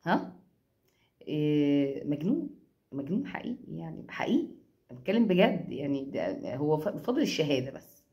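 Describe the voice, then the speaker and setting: Egyptian woman host, teasing and lively, low mellow tone, chatty reading to viewers. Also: brisk, long pauses. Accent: Egyptian Arabic. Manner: teasing, animated storyteller. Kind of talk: casual spoken reading to viewers.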